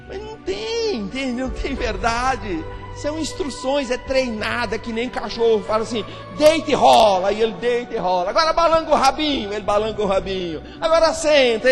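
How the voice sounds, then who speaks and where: A Brazilian Portuguese-accented male pastor delivers an emphatic sermon in a notably high voice, repeating phrases and acting out the quoted dialogue. His voice rings through a church with a long reverb, and soft music plays underneath. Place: church sanctuary.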